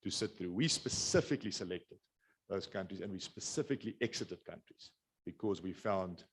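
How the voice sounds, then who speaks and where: A man's voice: sits low, animated, moderate pace, husky. A middle-aged man with a South African accent, giving a webinar business talk in a rambling way, full of restarts and fillers. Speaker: business speaker. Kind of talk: webinar presentation.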